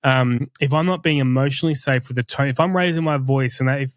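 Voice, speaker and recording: In clean studio sound with no echo, a man at medium pitch co-hosts a podcast. His candid conversation is earnest and confessional, halting with frequent restarts.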